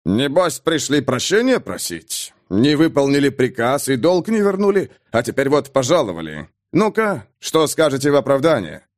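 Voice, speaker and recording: A man voicing a brash, hot-tempered nomad chieftain in an audiobook, blustering and loud, with drawn-out mocking words. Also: mid-range voice, sing-song, no room sound, studio quality, lightly acted. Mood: mocking boastful. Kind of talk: audiobook character voice.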